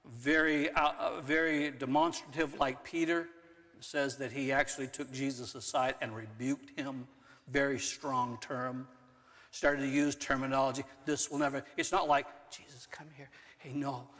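A male pastor giving a conversational sermon, now and then acting out quotes with a raised voice. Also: mid-range voice. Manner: conversational, rising to animated acted-out quotes. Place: church sanctuary. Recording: long church hall reverb.

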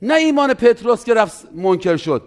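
Animated high-voiced male pastor preaching. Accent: Persian. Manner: animated preaching with acted-out quotes. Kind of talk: sermon.

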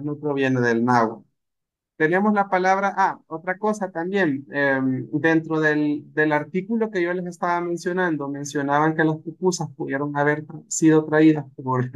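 A man teaching a live language lesson, slowing down to spell out example words. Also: fairly high pitch, a bit bright. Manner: explanatory, slows down to spell out words.

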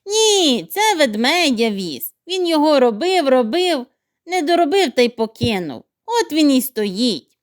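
A woman's voice: high voice, big pitch swings, measured pace. A woman voicing a mocking young male hare in a children's audio tale. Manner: teasing, then sheepish.

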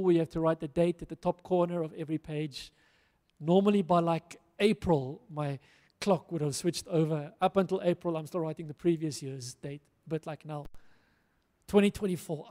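A middle-aged South African man serves as pastor here, preaching a sermon on a church stage in a large hall. His voice is a little high and mellow at a moderate pace, earnest and rousing with emphatic repetition, picked up by a handheld mic with long hall reverb.

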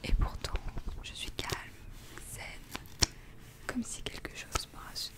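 A young woman reads a story in a hushed library whisper for ASMR, slow and deliberate, close to the microphone. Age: young adult. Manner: slow, deliberate delivery with pauses. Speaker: ASMR creator. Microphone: close desk microphone, headphones on.

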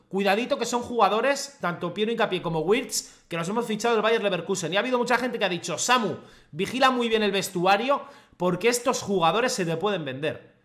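A young man, commentating his own football video game match in the style of a TV commentator and bursting into long shouted goal calls. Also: high-pitched. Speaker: gaming youtuber playing a football career mode. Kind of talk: excited self-commentary while gaming.

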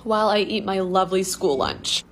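A woman's voice: medium pitch, normal speed, slight background noise. A young adult woman chatting casually to camera as she eats, her mouth sometimes full. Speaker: teacher vlogger. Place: indoor school room with drop ceiling. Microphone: phone propped at arm's length.

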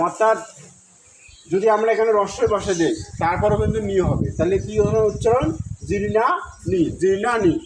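High-voiced man teaching Sanskrit pronunciation. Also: echoey room, background noise. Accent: Bengali. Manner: asks questions and answers them himself, spells out syllables; chants verses very slowly in a drawn-out melody. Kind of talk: recorded Gita recitation lesson.

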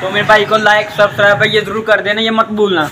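A man's voice: sits high, level tone, quick pace. A man from Pakistan greeting his viewers politely and asking them to like and subscribe, in a casual vlog. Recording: noisy outdoor recording.

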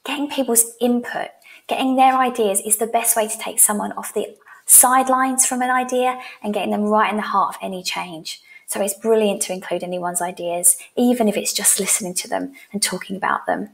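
A woman in her thirties, working as a sales coach, speaks into a headset mic in a small room at home, with slight background noise. Her medium-pitched voice is steady, fairly quick and creaky, and her instructional delivery is direct and encouraging.

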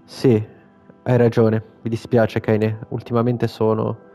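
A man's voice: mid-range voice, completely flat delivery, takes it slowly, warm tone, soft background music. A man reading the lines of a frail, teasing old grandmother from a video game, in his own plain voice.

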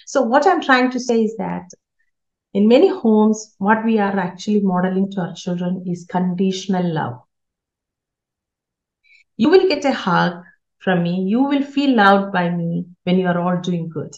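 A woman's voice: mid-range voice, expressive, unhurried, a little mellow. Earnest woman giving a parenting talk. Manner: earnest, repeats key words for emphasis. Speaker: parenting speaker. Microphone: video call. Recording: roomy, slightly dull online call audio.

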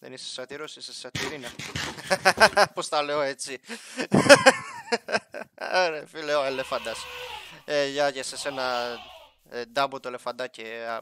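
A man's voice: medium pitch, a bit bright. A young man casually commentating his Minecraft playthrough, chatting and joking with the villagers and animals in the game. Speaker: gaming YouTuber.

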